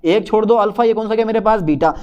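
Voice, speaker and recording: High-voiced man teaching chemistry. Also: fast talker, darkish tone, smooth, muffled recording. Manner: talks to students as "beta" and "sahab", answers his own questions in a student's voice. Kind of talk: whiteboard lecture.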